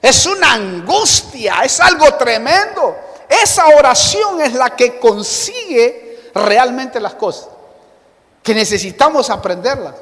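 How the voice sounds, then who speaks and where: High-voiced preacher in a reverberant hall. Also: male voice, very animated, takes it slowly. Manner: emphatic, often calls out to the listener; swings between soft asides and loud cries. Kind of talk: sermon. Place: church hall.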